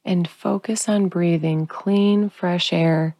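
Slow, low-pitched woman narrating sleep meditation. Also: no echo. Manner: calm, unhurried, hushed sleep-story delivery with long pauses. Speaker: guided relaxation narrator.

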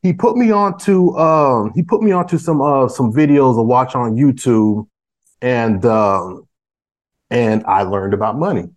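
With a mid-range voice and measured pace, this man in his forties chats casually as a guest on a podcast. He tends to ramble, restarting often and using lots of fillers alongside street slang.

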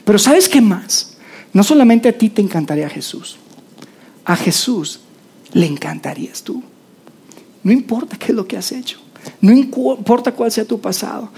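Mujer predicadora mexicana de voz cálida. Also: female voice, mid-range voice, vocal fry, warm tone, slightly rough. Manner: conversational, acts out voices of biblical figures. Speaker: preacher. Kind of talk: sermon.

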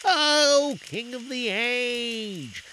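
A man voicing an anxious, deferential grand vizier in a storybook reading, speaking raised and slow. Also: very high-pitched, animated, sharp tone, a little hiss or hum, voice pushed up, full character voice.

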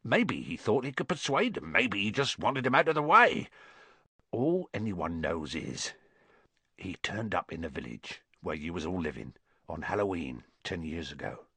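A man voicing a huge, kindly, bearded giant who talks roughly with dropped grammar, read as an audiobook character. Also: sits low, big pitch swings, normal speed, sharp tone, no room sound, voice pushed down, exaggerated voice. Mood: sad, grave.

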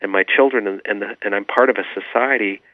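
A man's voice: fairly low pitch, quick pace, no room sound. A man, an author being interviewed, explaining his views earnestly and with many fillers. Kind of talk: remote radio interview. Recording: tinny phone line.

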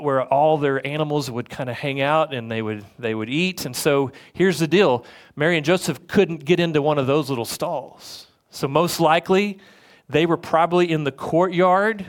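A male pastor, preaching a sermon in an earnest, conversational way, often repeating his words as he goes. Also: on the high side. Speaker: lead pastor.

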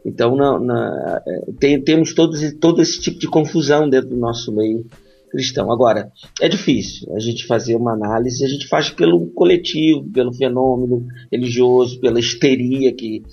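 A man's voice: mid-range voice, normal speed, gravelly, a little mellow, husky, muffled recording. A man co-hosting a podcast, talking reflectively about faith and often tagging his points with a questioning "right?". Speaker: podcast co-host. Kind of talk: casual discussion on faith.

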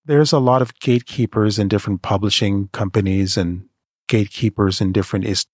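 A man from Canada, giving creative career advice in an earnest, measured motivational monologue. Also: on the low side, steady tone, slightly rough, no echo, studio quality.

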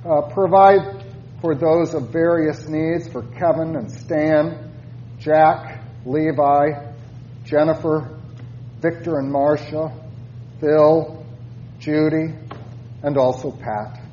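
A man leading formal church prayers as a pastor, in a solemn, measured manner. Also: on the high side, fairly even intonation, mellow, roomy sound. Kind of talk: formal liturgical prayer and chant. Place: church service. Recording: muffled church recording with faint noise.

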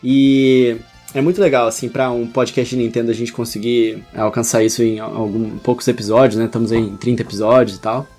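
A man's voice: mid-range voice, flat delivery, brisk, darkish tone, faint music behind. A Brazilian man talking casually as a guest on a podcast.

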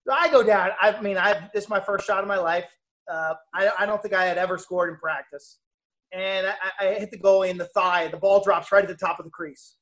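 An American man, a former player, telling a self-mocking sports story with animated energy. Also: high voice, brisk. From United States. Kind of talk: storytelling on a podcast.

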